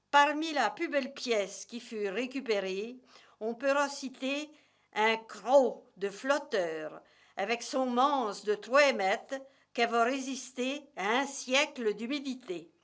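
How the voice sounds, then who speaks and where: A woman with a rural Morvan accent from Burgundy, reading a story aloud in regional dialect in a deliberate, measured way. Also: on the high side, a bit bright.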